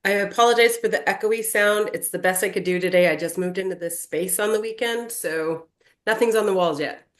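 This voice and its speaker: A woman's voice: mid-range voice, brisk. A woman who is a life coach and therapist, chatting casually on a podcast from a freshly moved-into room with bare walls that makes her voice echo.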